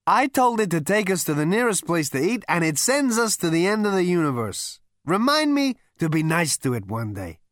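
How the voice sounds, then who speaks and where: A whooping show-off alien. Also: male voice, sits high, big pitch swings, normal speed, hardly any pauses, fairly bright tone, no echo, studio quality, voice pushed up. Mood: boastful. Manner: whooping, showy, overexcited. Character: brash boastful male alien adventurer.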